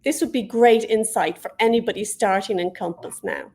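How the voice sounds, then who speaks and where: A woman hosting an interview over a video call, enthusiastic and quick to laugh. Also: fairly high pitch, a little mellow. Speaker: host.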